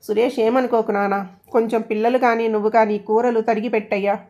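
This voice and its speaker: A woman's voice: on the high side, flat delivery, fairly quick, mellow, lightly acted. A woman voicing an outspoken older aunt who lectures bluntly. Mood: lecturing.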